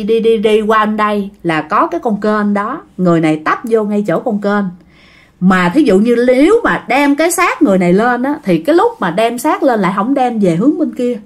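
Chatty woman storyteller. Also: a little high. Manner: chatty, addresses listeners directly. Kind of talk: spoken ghost story narration.

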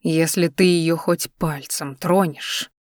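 A woman's voice: lowish voice, no echo, clean studio sound, natural voice. A woman doing Zoloto, a seething protective man. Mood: threatening. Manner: slow speech through gritted teeth. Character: protective, hot-tempered young man.

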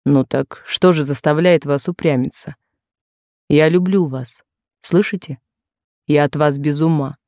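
A woman voicing an insistent, possessive wealthy man courting a young maid, in a lowered, slow, pressing voice in a dry studio recording. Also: darkish tone, no room sound.

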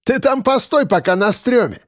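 A crude convict who jeers and sneers, as a male narrator puts him on. The voice sits higher than a plain speaking voice and stays close and dry in the storybook reading. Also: normal speed, darkish tone, no echo, close to an everyday voice. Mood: jeering. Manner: jeering, laughing.

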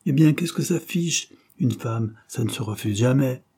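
A man's voice: mid-range voice, lively intonation, normal speed, dark tone, slightly rough. A man reading aloud and voicing a boastful, brash young art critic who chases women, in a mocking, raised voice.

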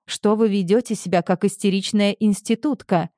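A woman's voice: medium pitch, moderate pace, dry recording, studio quality, natural voice. A woman reader voicing a cool, stern woman who answers curtly. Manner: curt, calm, snapping.

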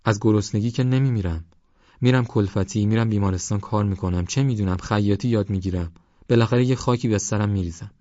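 A man's voice: on the low side, dark tone, dry recording, muffled recording, voice pushed up, lightly acted. A man reading an audiobook, voicing a fierce young village woman who refuses to be sold, in a raised voice. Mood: defiant. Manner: fierce, pleading.

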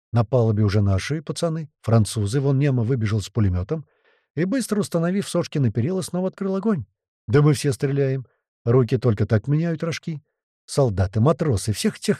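A man tells a first-person story as an audiobook narrator, vivid and lively. His voice is warm and mellow, with a lot of movement in pitch. The recording is dry and close, with no room sound. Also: no room sound.

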